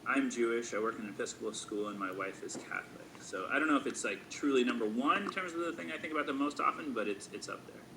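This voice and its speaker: A man's voice: medium pitch, animated, fast, few pauses, background noise. A man of forty reflecting aloud in a thoughtful, hesitant way, with frequent fillers. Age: 40s. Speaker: school staff member. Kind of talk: casual reflective conversation.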